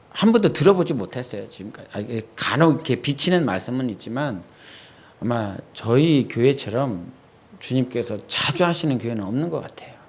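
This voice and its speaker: A male pastor preaching a midweek church sermon in a plain, mid-pitched voice. He talks it through with the congregation, tossing quick questions out to the pews. When he recalls his own prayers, he sinks into a soft, low murmur. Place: church sanctuary.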